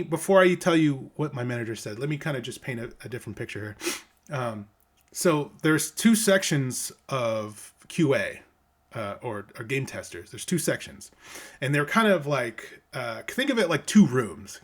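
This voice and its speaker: A middle-aged man casually telling a story from his days as a game tester, rambling with many restarts and acting out the people he quotes. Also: mid-range voice.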